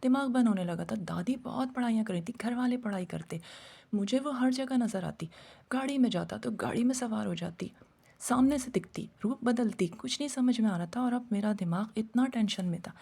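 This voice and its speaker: Woman, horror story narration, husky, gravelly, dark mellow tone, dramatic. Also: a little high.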